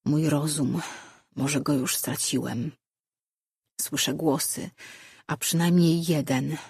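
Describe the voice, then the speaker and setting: A woman's voice: low voice, steady tone, takes it slowly, gravelly, husky, no echo, clean studio sound, heavily acted. A woman doing a weary, troubled male sorcerer. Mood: shaken. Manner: soft, gentle, tired.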